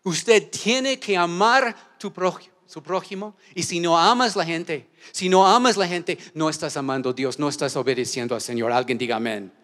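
The male pastor preaching in this church auditorium barely pauses, keeping a moderate pace while leading call-and-response. His delivery swings from shouted lines down to low asides.

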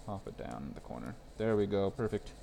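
A man's voice: lowish voice, very animated, a little fast, gravelly, warm tone, slight background noise. A young man chatting casually with viewers on a live stream while repairing a phone at his workbench, rambling and laughing as he goes.

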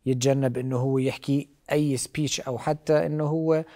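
A man's voice: medium pitch, fairly even intonation, fast, mellow. A middle-aged man with a Levantine Arabic accent, explaining as an expert doctor on a talk show. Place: TV studio. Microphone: lapel.

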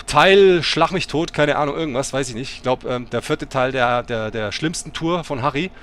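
A man's voice: fairly high pitch, pushed and bright, slight background noise. A middle-aged man hosting a bus simulator let's play, chatting and breaking into sudden swearing rants. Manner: swears and rants in angry outbursts.

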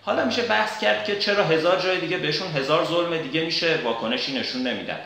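A man giving an argumentative spoken commentary, pausing often with filler sounds as he builds his case. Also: on the high side, lively intonation, gravelly, bright, forceful tone. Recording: very echoey room.

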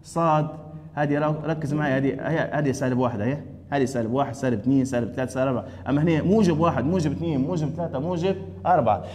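Fast-talking Libyan math teacher. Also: male voice, on the high side, darkish tone, long reverb tail, slight background noise. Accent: Libyan Arabic. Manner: asks students questions and repeats answers. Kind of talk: classroom lesson.

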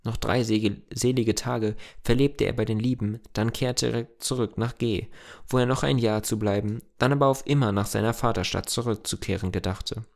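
A man's voice: medium pitch, fairly even intonation, moderate pace, gravelly, darkish tone. A man reading a classic German novella aloud as an audiobook, in a plain manner with the odd slip and restart. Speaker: audiobook reader.

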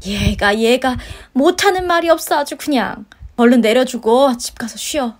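A woman's voice: high-pitched, normal speed. A woman voicing a pushy, guilt-tripping older mother-in-law in a story-radio drama, scolding and sighing. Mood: grumbling. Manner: scolding, wheedling, sighs of complaint.

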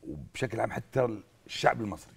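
A man's voice: lowish voice, animated, quick pace, gravelly, slightly rough. A man with an Egyptian accent interjecting in a panel discussion from away from the microphone. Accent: Egyptian Arabic.

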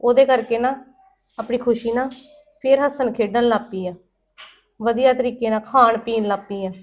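High-voiced woman scolding in a family drama. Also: fairly even intonation, moderate pace, dull audio. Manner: scolding, emotional, rising loud when upset. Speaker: aunt character in a family drama skit. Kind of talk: scripted family drama acting.

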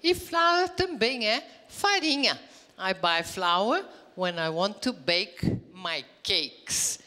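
A woman from Brazil co-hosting a bilingual English pronunciation lesson, modeling words slowly and clearly for students to repeat. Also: mid-range voice, animated, bright, forceful tone, in a large hall. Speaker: English teacher co-host.

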